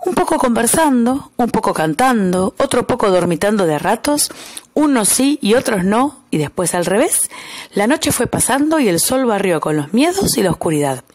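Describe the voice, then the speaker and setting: A woman narrating a children's story aloud in a lively way, changing her voice for each animal that speaks. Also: moderate pace. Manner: lively, shifts pitch for each animal's lines.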